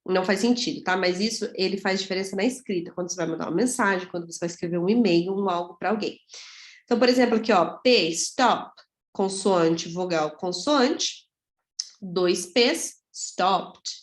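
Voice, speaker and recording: A Brazilian woman with a mid-range voice speaks briskly in a casual video lesson on English grammar, chatting and often checking in with her students. The room sounds echoey.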